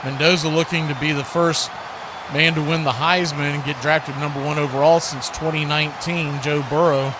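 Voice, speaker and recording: On a noisy live stream, a man with a somewhat high, flat-sounding voice calls American football play-by-play at a normal pace. He speaks in short, clipped phrases and gets louder on big plays, with background noise throughout.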